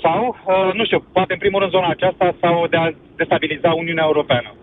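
A man's voice: on the high side, fairly even intonation. A man calling in to a radio show, arguing his point hesitantly with many fillers. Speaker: caller. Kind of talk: call-in opinion. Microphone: phone. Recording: tinny phone line with background hum.

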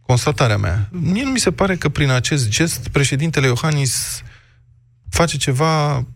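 A man hosting a radio call-in debate, measured, polite and explanatory. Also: on the high side, animated. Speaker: radio talk show host.

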